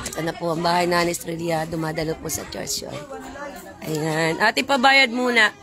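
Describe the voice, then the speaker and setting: A woman's voice: on the low side, normal speed, a crowd in the background. A woman from a church live-streaming on her phone as she walks outdoors beside railway tracks, chatting and greeting viewers and passers-by. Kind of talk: casual live-stream chat. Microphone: phone held while walking.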